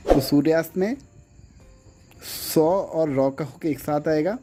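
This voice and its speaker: A male stenography teacher giving a lesson, drawing words out slowly as he writes and asking his viewers questions that he then answers himself. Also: on the high side, mellow, soft background music. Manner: slow, drawn-out repetition of words while writing. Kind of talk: classroom-style lesson.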